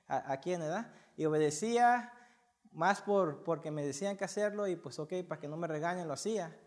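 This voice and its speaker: A man's voice: on the high side, moderate pace. A man preaching a sermon to his congregation, impassioned, repeating words and putting questions to his listeners. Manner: impassioned, repeats words, rising loudness, asks the audience questions.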